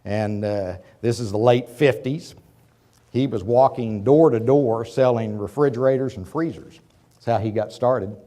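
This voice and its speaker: With a warm, mid-range voice and a slightly slow pace, a businessman from Oklahoma in his fifties lectures as a guest in a university auditorium. A cold is taking his voice, and his folksy talk rambles conversationally with frequent asides to the audience.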